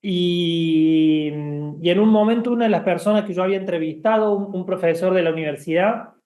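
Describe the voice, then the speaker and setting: Man, middle-aged, interview guest, halting with fillers, slightly raised pitch. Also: warm tone. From Argentina. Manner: hesitant, many fillers and restarts. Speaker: guest, bookshop founder. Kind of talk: casual interview chat.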